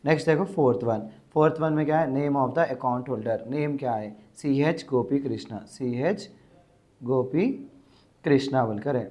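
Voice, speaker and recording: A man teaching an exam-prep grammar lesson, explaining step by step and repeating words slowly to dictate. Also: medium pitch, darkish tone.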